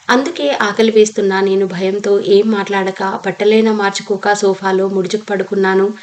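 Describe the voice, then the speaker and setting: Woman, audiobook narrator, steady storytelling, mid-pitched voice. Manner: steady storytelling, reads all characters' lines in her own voice. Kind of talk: novel read aloud.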